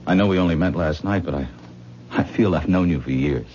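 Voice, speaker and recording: In a 1970s radio drama, an actor with a deep, brisk, darkish voice close to an everyday speaking voice plays a modest, kind man who admires his new friend. He sounds earnest and self-deprecating, talking himself down, and the old broadcast recording is dull with faint hiss.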